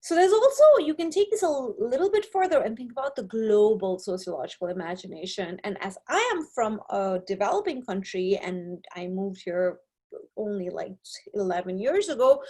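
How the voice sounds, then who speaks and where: A young Nepali woman, whose first language isn't English, explains sociology concepts in a recorded slide lecture via webcam, often checking in with "right?" Her medium-pitched voice is mellow and expressive, at a moderate pace.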